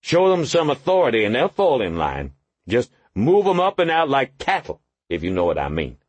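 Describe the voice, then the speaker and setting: A man's voice: mid-range voice, huge pitch swings, moderate pace, husky, no echo, voice pushed up. A man reading an audiobook, voicing a blunt, overweight male police lieutenant who gives coarse, bossy orders.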